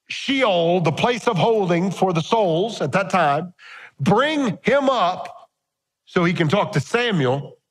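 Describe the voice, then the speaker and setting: A male pastor with a somewhat higher-pitched voice delivers a sermon. He reads scripture in old-fashioned phrasing and then retells it in plain, casual words. He talks straight to his congregation and often checks in with a quick "okay?". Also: a bit bright.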